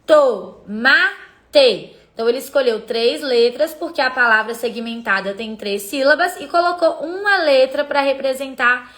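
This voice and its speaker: A woman's voice: high-pitched, unhurried, a bit bright. A woman teacher, patiently explaining a literacy lesson on a live stream and pointing viewers to examples.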